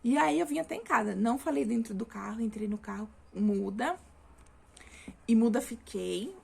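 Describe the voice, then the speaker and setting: A young woman tells a personal story in a loose, chatty way, with lots of fillers and restarts. Her voice sits a little high and carries a gravelly fry. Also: normal speed, a little mellow. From Brazil. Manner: chatty, frequent fillers and self-corrections. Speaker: vlogger.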